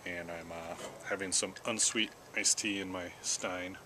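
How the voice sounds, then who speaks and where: An American man with a fairly low voice rambles casually and without hurry. He pauses between phrases to puff on a pipe, which makes his delivery halting. He is recorded outdoors in a backyard, with clear ambient noise behind him. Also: steady tone. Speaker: vlogger. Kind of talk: casual rambling solo chat. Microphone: camera at about arm's length or a little more.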